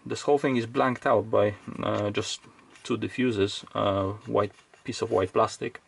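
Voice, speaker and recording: The speaker, probably a middle-aged man, rambles and hesitates as he thinks aloud through a casual, unscripted electronics teardown, filmed at his home workbench. His fairly low voice is gravelly and husky, steady in tone and measured in pace. There are faint clicks and background noise.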